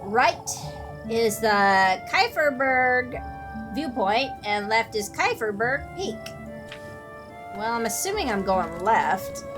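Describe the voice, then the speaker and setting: A woman's voice: fairly high pitch, sing-song, slow, over music. A woman giving casual, sarcastic let's-play commentary and swearing freely. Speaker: gameplay commentator.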